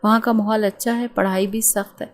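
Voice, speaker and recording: A woman voicing a middle-aged father who speaks calmly and a little hesitantly. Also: medium pitch, lightly acted. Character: mild-mannered father, middle-aged man.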